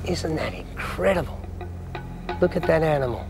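A man in his fifties with an Australian accent hosts a wildlife documentary outdoors, his voice on the high side and creaky, over music at a moderate pace. He is dramatic, emphatic and marvelling, and often breaks off to address the animal directly.

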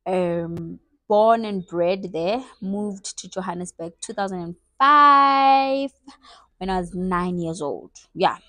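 A woman's voice: lowish voice, slow, bright, forceful tone, no echo. A woman in her twenties with a South African accent, chatting playfully and teasing herself in a casual get-to-know-me vlog. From South Africa, Eastern Cape. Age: 20s. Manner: chatty, playful, self-mocking. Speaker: vlogger.

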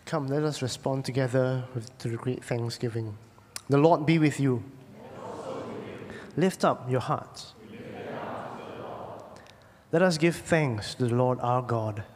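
A male pastor leading prayer and the communion liturgy in a measured, reverent voice, heard with a long cathedral-like echo. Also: medium pitch, darkish tone. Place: church sanctuary. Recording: long echoing hall reverb.

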